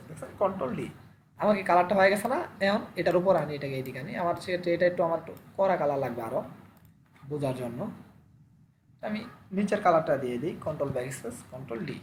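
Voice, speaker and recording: A very fast-talking instructor walks through steps in a live online class over a computer mic, with a faint hiss behind. They keep asking themselves what to do next, then answer and repeat the step. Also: mid-range voice. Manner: asks and answers own rhetorical questions, repeats steps. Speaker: Photoshop instructor. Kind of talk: live online class, screen-share tutorial.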